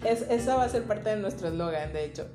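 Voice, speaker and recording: A woman with a Monterrey, northern Mexican accent talks in a casual podcast style. Her pitch sits in the middle for a woman, and she explains points directly to her audience. The sound is roomy, with faint music behind. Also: lively intonation, fast. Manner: explanatory, addresses listeners directly. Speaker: podcast co-host, child psychotherapist. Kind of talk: casual conversational podcast talk.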